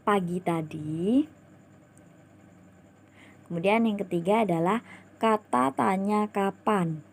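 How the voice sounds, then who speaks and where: A woman's voice: mid-range voice, a little mellow. A woman primary school teacher giving an online lesson, explaining step by step and reading out example sentences. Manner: slow, careful explaining with spoken example sentences.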